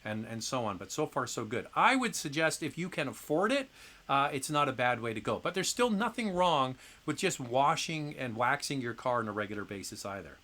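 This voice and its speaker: A man's voice: mid-range voice, very animated, fairly quick, sharp tone. A middle-aged man hosting a live car Q&A stream, chatting casually and rambling with fillers and restarts, with an occasional cough. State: occasional coughing from acid reflux.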